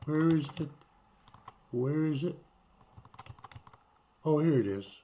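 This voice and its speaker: A man talks in a relaxed, casual way, his voice hoarse from a cold and mellow in tone. He reads out news items and adds wry asides, slowing down over the quoted parts. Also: a little high, muffled recording, a little hiss or hum. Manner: chatty, wry asides, slows down to read quotes. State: hoarse from illness. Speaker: vlogger. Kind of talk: casual commentary, reading news aloud.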